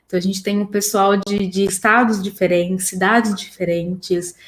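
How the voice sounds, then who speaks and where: A woman from the São hosts a live panel in Brazil. Her pitch is average and she talks semi-spontaneously, like a moderator. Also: level tone, normal speed. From São José do Rio Preto, Brazil. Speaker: live-stream host.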